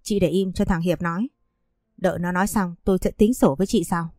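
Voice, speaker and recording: A woman voicing a sharp-tongued, scolding middle-aged mother-in-law who sneers at her son's wife. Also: lowish voice, fairly even intonation, a little fast, no room sound, studio quality, close to an everyday voice. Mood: indignant.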